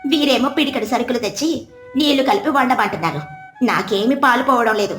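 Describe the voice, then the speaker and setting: A woman's voice: a little high, a little fast, close to an everyday voice. A woman voicing a patient, sensible village wife who speaks mildly and reasons things through. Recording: roomy with soft background music.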